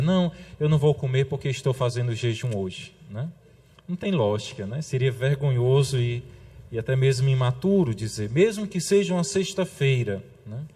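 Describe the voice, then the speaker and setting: A man with a Brazilian Portuguese accent, a priest giving a sermon, talking conversationally with the congregation and slowing down to stress key phrases. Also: mid-range voice. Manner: conversational preaching with frequent tag questions to the congregation; slows for emphasis on quotations, drops softly at phrase ends.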